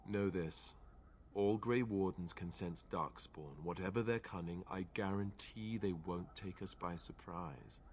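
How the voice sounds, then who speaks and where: An actor playing a stern, gruff male warrior in a video game, speaking bluntly and commandingly. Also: low voice, a little slow, a little mellow, a little hiss or hum.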